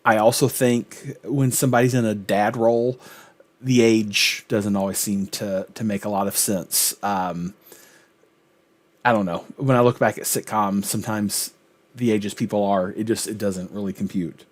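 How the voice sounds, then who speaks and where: A man's voice: fairly low pitch, fairly even intonation, normal speed. A man hosting a sitcom reaction video, musing thoughtfully in a rambling, casual way. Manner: thoughtful, rambling, lots of filler. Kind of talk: casual commentary.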